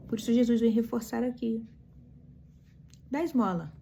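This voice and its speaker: Mellow-voiced woman preaching emphatically. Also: a little high, moderate pace, gravelly, a little hiss or hum. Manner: emphatic storytelling with rhetorical questions. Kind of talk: morning devotional reflection.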